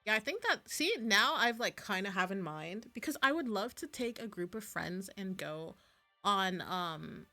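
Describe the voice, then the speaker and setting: With a medium-pitched, pushed and bright voice, a woman streams visual novels and talks a little slowly, her intonation lively. Her commentary is casual and chatty, full of gushing, rambling and self-interruptions. Music plays behind her.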